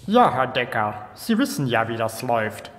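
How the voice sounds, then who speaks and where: A man's voice: mid-range voice, very animated, moderate pace, fairly bright tone, in a large hall. A man playing a greedy, smug villainous major in a fan film, mock-polite and theatrical. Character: smug, greedy male rival treasure hunter, villainous major. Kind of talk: amateur film dub acting.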